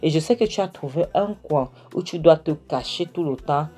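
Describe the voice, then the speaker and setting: A woman voicing a resentful, jealous husband in a retold film, accusing his wife with questions, in a low dark voice. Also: moderate pace, slightly rough, faint music behind. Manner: accusing, pleading questions with tag "hein?".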